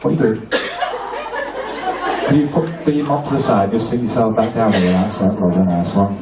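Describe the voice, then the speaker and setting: Cheeky stage hypnotist in a roomy hall. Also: male voice, fairly low pitch, moderate pace, very noisy. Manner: cheeky, crude banter with hypnotic patter. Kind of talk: live comedy hypnosis show. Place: live venue stage. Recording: echoey venue from far off, loud crowd. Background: laughing audience.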